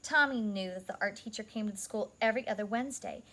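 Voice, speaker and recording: A woman with a mid-range voice reads a picture book to young children in a deliberate, expressive way, adding little asides for them.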